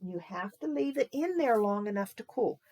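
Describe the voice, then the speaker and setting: A woman voicing a patient mother who calmly explains to her young daughter, step by step, why she must wait. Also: mid-range voice, moderate pace.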